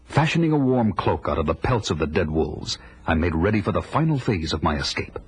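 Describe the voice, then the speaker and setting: An actor voices a fierce, proud barbarian warrior recounting his life in grandiose first-person narration, 1980s audio-drama style, grand and brooding. His low, husky voice is very animated, a little fast and exaggerated, with dramatic music playing underneath.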